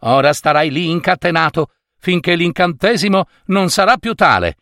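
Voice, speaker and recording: A bold young fairy-tale hero, pitched well above the teller's own voice and pushed loud, pleading and calling with urgency. A man acts him out while telling the story. The recording is dry and close. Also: expressive, moderate pace, no echo. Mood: eager. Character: high, excited young male hero.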